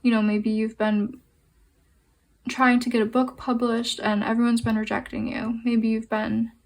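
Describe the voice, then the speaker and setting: A woman giving a pick-a-card tarot reading, gentle and reassuring, with frequent fillers and restarts. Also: fairly high pitch, flat delivery, unhurried.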